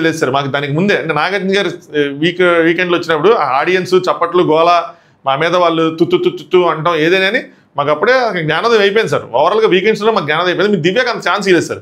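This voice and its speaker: A man's voice: a little high, fairly bright tone. A man reviewing a reality show, animatedly acting out quoted exchanges as he recaps them.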